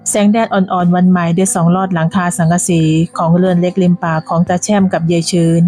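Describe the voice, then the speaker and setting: A woman narrating a scripted village story in a measured, descriptive way. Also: lowish voice, flat delivery, dark tone, faint music behind.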